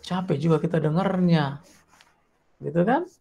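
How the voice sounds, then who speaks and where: Lecturer guy, gravelly voice, animated classroom talk, acts out little bits of student chatter. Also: on the high side, measured pace. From South Sulawesi, Indonesia. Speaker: university lecturer.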